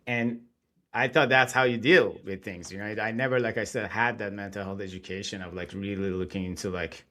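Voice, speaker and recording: A man's voice: lowish voice, brisk. A man, talking casually and animatedly as a podcast guest. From Iran. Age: 40s. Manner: animated, chatty, laughs between thoughts. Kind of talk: casual interview talk.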